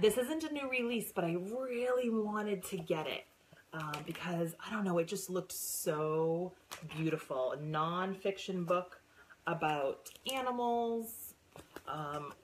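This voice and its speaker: Excitable middle-aged woman for a casual unboxing vlog; gushing and animated, takes her time, faint noise behind her. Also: on the low side, takes it slowly, rough recording. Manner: gushing, excitable, squeals and gasps. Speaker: book seller and former science teacher.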